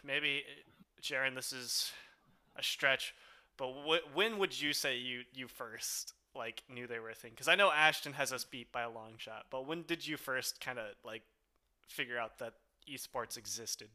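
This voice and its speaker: A man's voice: medium pitch, unhurried, bright, forceful tone. A young man hosting a podcast, chatty and rambling, often laughing between remarks. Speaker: podcast host. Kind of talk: casual podcast chat.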